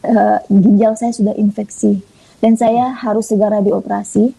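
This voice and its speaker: Woman from Indonesia, interview guest giving a testimony, lively storyteller, husky and mellow, dry recording. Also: medium pitch, moderate pace, no room sound, low-quality recording. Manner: animated storyteller, acting out quoted dialogue. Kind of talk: conversational testimony. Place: online audio room.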